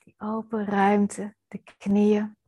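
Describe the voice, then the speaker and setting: Breathy woman doing a guided meditation, really unhurried, gentle and soothing, lots of pauses. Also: mid-range voice, monotone. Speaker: meditation teacher. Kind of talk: guided body-scan meditation.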